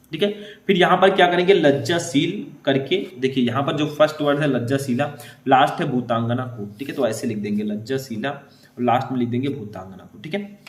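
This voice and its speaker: A man's voice: medium pitch, reverberant. A young man teaching students how to write exam answers, reading passages aloud and often checking in with short asides like "ठीक है". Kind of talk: explaining exam answer writing.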